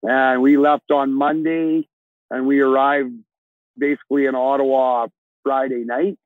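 Plain-spoken trucker on a tinny call. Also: male voice, mid-range voice, level tone, measured pace, no room sound. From Alberta, Canada. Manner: plain-spoken, rambling with restarts. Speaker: trucker guest. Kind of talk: casual interview over video call. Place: inside a truck cab. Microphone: earbuds on a video call. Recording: dry, tinny video call audio.

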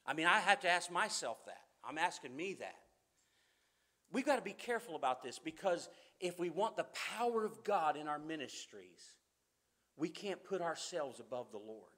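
A preacher man delivers a fervent sermon in a church. His voice is bright and ringing, a touch higher than most men's, and he swings from loud emphasis to quiet, confiding asides. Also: expressive, moderate pace.

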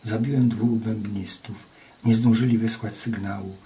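Male reader playing a brisk scout, matter-of-fact, low and flat. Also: lightly acted. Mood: reporting. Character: male scout reporting to his chief.

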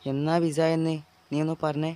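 A man voicing a clear-voiced cheerful best friend. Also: on the high side, little pitch movement, normal speed, dark tone, lightly acted. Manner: friendly and playful. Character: loyal male best friend, cheerful and teasing. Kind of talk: amateur Malayalam dub of a game short film.

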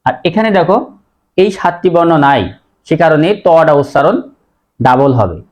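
A man teaching a pronunciation lesson, explaining rules step by step and repeating each word slowly. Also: on the high side, lively intonation, a little mellow.

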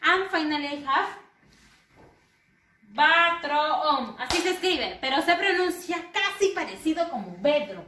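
A woman teaching English to young children in an online lesson, speaking slowly and having the class repeat each word after her. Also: sits high, animated, sharp tone. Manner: slow, repeating words for children to say back. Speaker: primary school English teacher. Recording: roomy, slightly distant, faint noise.

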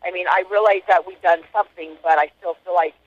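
A woman's voice: fairly low pitch, fairly even intonation, quick pace, a little hiss or hum. A woman speaking over a prison phone line, answering interview questions hesitantly with frequent ums. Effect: heard over a prison phone line. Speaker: inmate interviewee.

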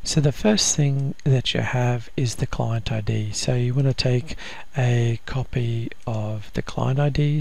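Male tutorial narrator, gravelly and flat-toned, methodical step-by-step delivery with plenty of ums. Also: mid-range voice. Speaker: software instructor. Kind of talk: screen-recorded software tutorial.

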